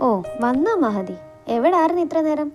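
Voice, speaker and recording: A woman's voice: high-pitched, big pitch swings, normal speed, soft background music. A woman voicing a worried middle-aged mother who keeps questioning her daughter, in an amateur audio drama. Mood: scolding. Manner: scolding, questioning.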